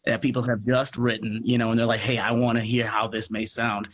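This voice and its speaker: A theatre company producer appears as an interview guest over a noisy live video call, talking a little fast in a mid-range, fairly bright voice with a level tone. He chats casually yet emphatically and enthusiastically, often restarting sentences and tossing in asides.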